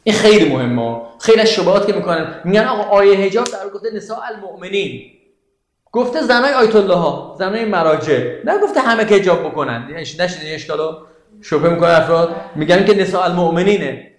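A man giving a lecture on Quranic verses to a class, animated and questioning his listeners, reciting Arabic verses slowly. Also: sits high. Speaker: religious teacher. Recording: very echoey room.

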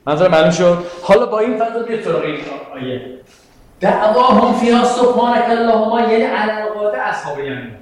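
A man with a fairly high voice teaches a Quranic exegesis class. He explains step by step, quotes Arabic verses and puts questions to his students. The classroom is very echoey. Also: lively intonation, hardly any pauses. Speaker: religious teacher.

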